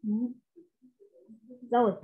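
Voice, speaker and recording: A woman teaching English, tutoring one pupil and explaining words step by step in with English terms mixed in. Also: extremely slow. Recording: tinny phone-like line.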